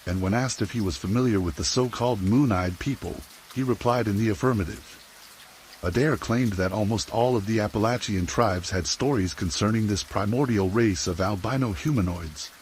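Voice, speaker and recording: Low-voiced male narrator over steady rain. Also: slight background noise, rough recording. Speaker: narrator of horror stories. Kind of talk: scripted storytelling narration for sleep. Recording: steady rain sound behind voice.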